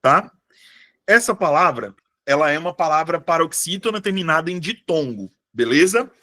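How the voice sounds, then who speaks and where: Man, teacher, live online class, chatty, keeps asking if students follow, slightly high voice. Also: expressive, normal speed, pushed and bright. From Brazil. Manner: chatty, asks students constant checking questions. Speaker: Portuguese teacher for civil service exam prep.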